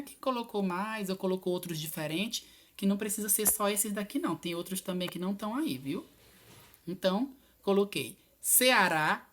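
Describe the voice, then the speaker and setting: A woman teacher, patiently going over homework answers in a recorded video lesson and spelling out each word slowly. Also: lowish voice. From Piauí, Brazil.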